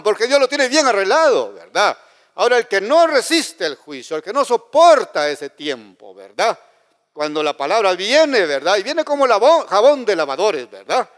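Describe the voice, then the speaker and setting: A man's voice: high voice, a bit bright. A man preaching a sermon, often tagging his lines with a questioning "right?" and restarting his phrases. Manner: frequent "¿verdad?" tag questions, halting restarts. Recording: long reverb of a hall.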